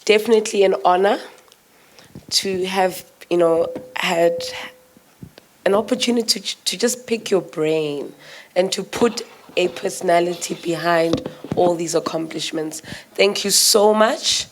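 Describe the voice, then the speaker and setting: A woman's voice: on the low side, unhurried. A young woman from South Africa moderating a youth panel, upbeat and playful as she wraps up the session. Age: young adult. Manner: soft backchannel murmurs, then upbeat and playful. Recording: event hall with crowd and noise.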